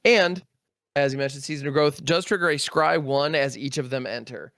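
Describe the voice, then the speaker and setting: Smooth, methodical card-game man. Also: mid-range voice, moderate pace, fairly bright tone, dry recording, clean studio sound. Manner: methodical, counts aloud, sound-effect interjections. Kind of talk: casual play-by-play of his own turn.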